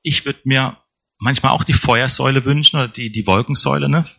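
A man's voice: mid-range voice, brisk, gravelly, a bit bright, highs cut off. A man preaching a sermon in a conversational way, often checking in with the congregation. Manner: conversational, tag questions to congregation.

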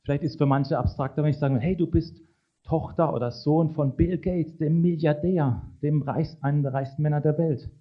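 German-speaking preacher, chatty sermon. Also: male voice, on the high side, steady tone, moderate pace, dull audio. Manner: conversational, tag questions to the congregation.

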